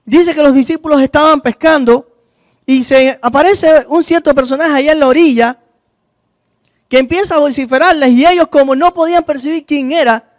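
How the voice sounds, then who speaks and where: A man's voice: extremely high pitch, moderate pace, dry recording, clean studio sound. A male pastor giving a sermon, asking the congregation questions and acting out the voices in the Bible story. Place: church.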